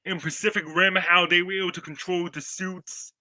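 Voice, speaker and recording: A man's voice: high-pitched, flat delivery, normal speed, pushed and bright, no echo, poor audio. A man in his twenties co-hosting a podcast over a video call, rambling casually and laughing often. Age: 20s. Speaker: podcast co-host.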